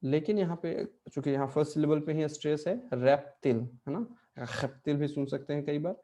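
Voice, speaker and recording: Calm, mellow-voiced male teacher. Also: a little high, fairly quick. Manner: explanatory, checks in often with "है ना?" and "ठीक है?". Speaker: Portuguese language teacher. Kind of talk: online language lesson.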